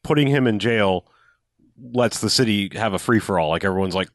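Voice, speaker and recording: A man's voice: lowish voice, fairly quick, no room sound, clean studio sound. A young man chatting casually and enthusiastically about a video game, rambling with restarts and the odd swear. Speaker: podcast co-host.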